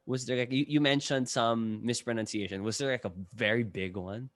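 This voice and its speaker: A man's voice: medium pitch, steady tone, dry recording, studio quality. A Filipino man with a Filipino accent, mixing in Tagalog, hosting a casual interview podcast and often stopping and repeating words mid-thought. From Philippines. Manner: halting, repeats words as he thinks. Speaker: podcast host.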